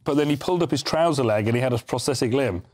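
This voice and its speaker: A mid-range, slightly mellow male voice rattles along rapidly as a British charity volunteer shares a story. As a guest in a casual interview, he chats anecdotally, restarting and adding asides.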